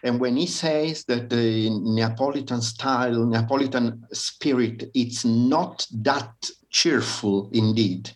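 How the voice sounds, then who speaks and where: A man from southern Italy with an Italian accent, answering interview questions haltingly and searching for his words in English. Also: medium pitch. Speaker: interviewee, harpsichordist. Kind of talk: interview answers on music history.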